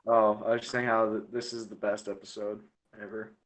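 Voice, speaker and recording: A man's voice: lowish voice, little pitch movement, a little fast, low-quality recording. A young man co-hosting a casual podcast, chiming in with amused sarcastic remarks. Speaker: podcast co-host. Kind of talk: casual chat.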